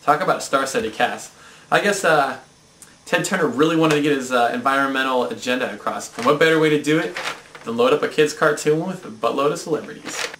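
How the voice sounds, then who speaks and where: A young man hosting a comedic cartoon review, talking in an excited, mock-indignant way. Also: medium pitch, a little fast, echoey room, a little hiss or hum, rough recording.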